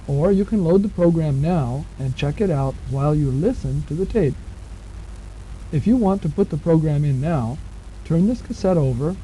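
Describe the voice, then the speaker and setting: A man with a very mellow, dark voice that sits a little high narrates step-by-step instructions for a program manual. He's plain-spoken and patient throughout. The audio sounds like a muffled 1970s cassette tape with a faint hiss.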